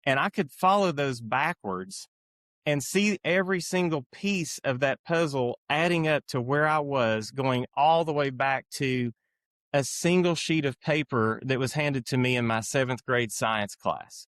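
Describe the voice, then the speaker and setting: A man's voice: medium pitch, a little slow, a bit bright, no room sound. Middle aged guy w/ appalachian accent, reflective storytelling as a podcast guest, dry close sound. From eastern Kentucky, United States. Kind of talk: reflective personal storytelling in an interview.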